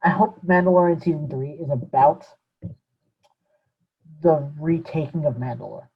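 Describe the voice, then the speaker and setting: A man co-hosting a casual podcast, chatting loosely about a show with fillers and trailing off quietly. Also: on the high side, moderate pace, slightly rough, muffled recording. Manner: relaxed fan talk with fillers, trailing off quietly. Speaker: podcast co-host. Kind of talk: casual chat.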